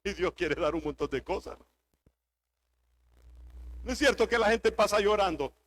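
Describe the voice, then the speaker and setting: High-voiced man preaching a sermon. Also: animated, normal speed, fairly bright tone. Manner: preaching with rising, emphatic repetition. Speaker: pastor.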